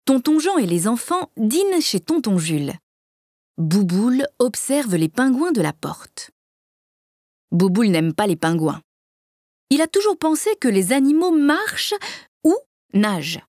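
A woman reading a children's story aloud with clear, measured storytelling. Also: on the high side, sing-song, a little mellow, no echo, clean studio sound. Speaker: narrator.

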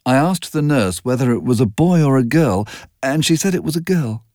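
A man's voice: medium pitch, animated, normal speed, a little mellow, dry recording, clean studio sound, voice pushed up, lightly acted. A man voicing a restless, cynical young wealthy woman with a breathless, mocking manner in an audiobook reading. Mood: wistful. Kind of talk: audiobook character voice.

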